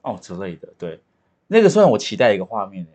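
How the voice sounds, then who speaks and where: A man talks quickly in relaxed podcast banter. His pitch swings widely as he jokes and tells stories, and he sounds animated and chatty throughout. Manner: animated, chatty, jokey storyteller. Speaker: podcast co-host about to marry. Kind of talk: casual chat.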